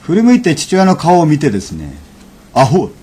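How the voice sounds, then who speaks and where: A man giving a lecture and telling an anecdote in a measured, unhurried way, with frequent fillers. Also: on the high side, wildly swooping pitch, dark tone, husky. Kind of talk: storytelling lecture.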